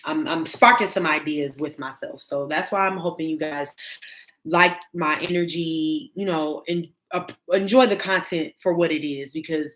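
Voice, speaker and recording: A woman's voice: sits low, fairly bright tone, rough recording. A thirty-year-old woman, a tarot reader, chatting casually in a vlog, often stopping and restarting her sentences. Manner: halting, many restarts and fillers. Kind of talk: casual spiritual vlog chat.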